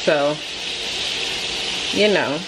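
Young woman, lowish voice, chatty cooking vlog, phone mic, sizzling pans and kitchen noise behind. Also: extremely slow. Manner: chatty and loose, talks straight to viewers as "y'all". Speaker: vlogger. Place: small home kitchen, indoors. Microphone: handheld phone camera. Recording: home kitchen with clear frying and stovetop noise.

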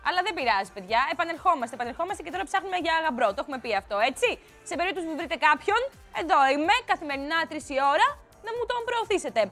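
A woman's voice: very high voice, expressive, a bit bright, faint music behind. A young woman TV host in a studio, chatting playfully and teasing as she reads out viewer comments, in a slightly odd voice. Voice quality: odd put-on voice today. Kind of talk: casual chatty TV presenting.

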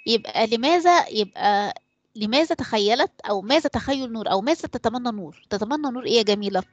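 Rapid-fire Egyptian woman teacher. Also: a little high, no echo, highs cut off. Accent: Egyptian Arabic. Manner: quizzing pupils by name, leaving blanks for them to fill. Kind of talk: online class quiz and explanation.

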